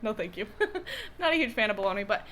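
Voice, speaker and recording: A woman's voice: medium pitch, very animated, fast talker, bright, forceful tone, slight background noise. A young woman co-hosting an eating vlog, chatting casually in a rambling, hesitant way full of fillers and restarts. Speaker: co-host. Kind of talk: casual chat while eating.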